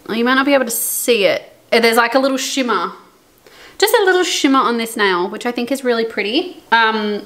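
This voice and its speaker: Casual woman vlogger, twenties, chatty and rambling, mid-pitched, roomy home sound. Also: a bit bright. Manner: chatty, rambling with many fillers. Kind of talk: casual vlog chat to camera. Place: home kitchen and bedroom, indoors. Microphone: camera mic, close to mid distance.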